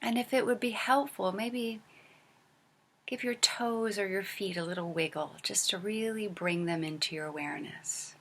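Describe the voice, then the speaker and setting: A woman guides a body scan meditation as a teacher, her medium-pitched voice gentle and unhurried. She leaves long pauses and lets her phrases trail off softly and breathily.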